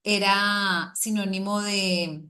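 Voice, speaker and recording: A middle-aged woman delivers a sermon to a women's group. Her voice sits at an ordinary pitch, and she talks in a lively way, pressing hard on her main points. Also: slow pace. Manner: lively, rising to animated emphasis when acting out quotes. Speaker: preacher.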